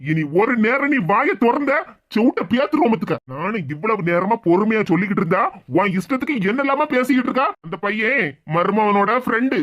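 A gruff cartoon father. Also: high voice, lively intonation, a little fast, fairly bright tone, muffled recording. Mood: firm. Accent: Kanyakumari Tamil. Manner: gruff, firm. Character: blustering middle-aged father, hospitable to guests.

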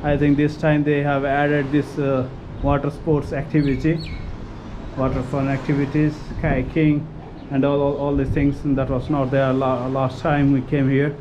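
A man giving a relaxed, casual tour of a seaside resort, pointing things out as he walks and mixing in Hindi. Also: medium pitch, normal speed, highs cut off, noisy background. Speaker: travel vlogger.

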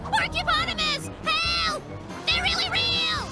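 An actor voicing a boastful, excitable male polar bear cub in a cartoon who brags and spins tall tales. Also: very high voice, unhurried, music in the background, full character voice. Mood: panicked. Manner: bragging, tall tales, yelps and squeals. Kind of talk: cartoon voice acting.

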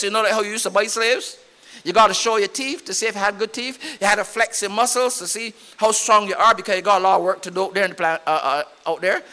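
A man's voice: very high voice, pushed and bright. A man with a Barbadian accent preaching a sermon in church, emphatic and repetitive, often rising in volume. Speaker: pastor.

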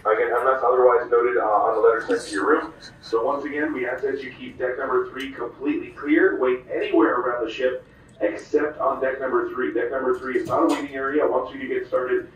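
A man's voice: mid-range voice, fairly even intonation, brisk, slight background noise. A man, the cruise director, making a repetitive, reassuring announcement over a ship's public address system. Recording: distant echoey ship loudspeaker.

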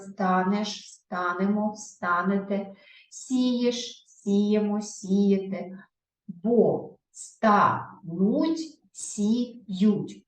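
A woman teaching a classroom grammar lesson, sounding out word forms slowly and clearly. Her voice sits at a middle pitch. It is recorded in an echoey room from some distance. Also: darkish tone.

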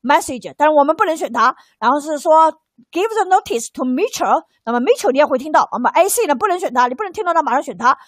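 A woman with a high, bright-pitched voice teaches exam technique to a couple of students. She explains step by step, repeats key phrases and keeps asking rhetorical questions. The sound is close and dry, with no room echo. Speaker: English exam tutor. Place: small tutoring class with two students.

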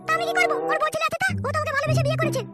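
A young cartoon bride, squeaky and quick, standing her ground over music. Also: fairly even intonation. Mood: defiant. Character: young second wife, adult woman.

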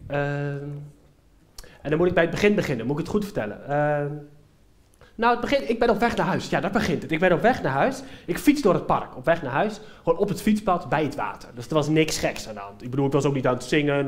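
A young man doing a stand-up comedy monologue on a theater stage, telling an animated story straight to the live audience. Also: a little high. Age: young adult.

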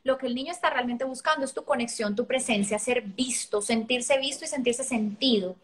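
A woman, a parenting educator talking on a live stream, lively and acting out little quotes. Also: a little high, brisk. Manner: lively, acts out child and parent voices.

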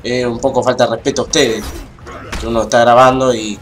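A man's voice: medium pitch, flat delivery, fairly quick. A young man with an Argentine accent commentating his gameplay, swearing and ranting in exasperation. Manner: foul-mouthed, ranting, easily exasperated. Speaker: gamer. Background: game music and sounds.

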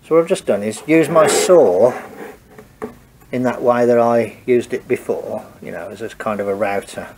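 Congested from a head cold, a man talks casually about the wiring work on his car in a home garage, sounding hesitant and thinking aloud. His voice is medium-pitched at a normal speed, and the background is noisy.

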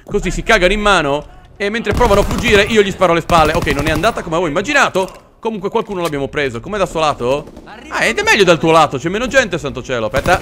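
A man's voice: high-pitched, background noise. A young man giving joking, chatty commentary while playing a war video game. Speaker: gaming video host. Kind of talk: let's play commentary.

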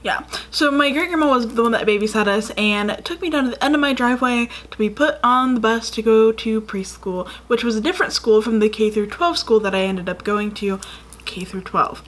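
A woman's voice: fairly high pitch, fairly quick, a bit bright. Chatty young woman, rambling vlog. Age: 20s. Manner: chatty and rambling, many fillers. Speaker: YouTuber. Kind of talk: casual storytelling vlog. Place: dim room indoors.

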